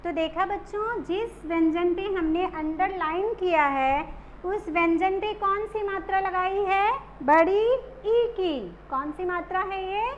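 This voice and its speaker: Very high-voiced woman teacher, slow and deliberate, stretching each word for young pupils; slightly muffled recording. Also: a little hiss or hum. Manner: drawn-out, stressed pronunciation of example words. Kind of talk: children's phonics lesson.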